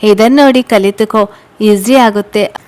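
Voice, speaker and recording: A woman's voice: medium pitch, moderate pace, a little mellow, natural voice. Teasing young husband, read by a woman in a storybook, coaxing and playful. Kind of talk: storybook reading.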